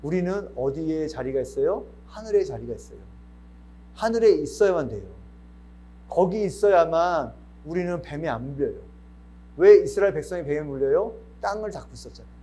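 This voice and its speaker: A man preaching a sermon at a church service, telling personal stories and acting out little dialogues. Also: fairly high pitch. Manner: animated storytelling, acting out dialogue. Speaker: missionary preacher.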